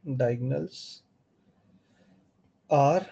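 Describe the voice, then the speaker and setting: A man's voice: mid-range voice, drawn-out words, vocal fry, dark tone, husky, dull audio. A man with an Indian accent teaching geometry in an online class, explaining step by step and checking in with his students. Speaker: math teacher. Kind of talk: online live class lecture.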